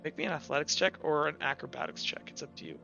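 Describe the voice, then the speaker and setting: A gravelly, sharp voice on the high side swings widely in pitch as a man rapidly improvises narration as game master of a tabletop roleplaying game. Casual and hesitant, his loose delivery is packed with "like" and "kinda." Background music runs under dull lo-fi audio.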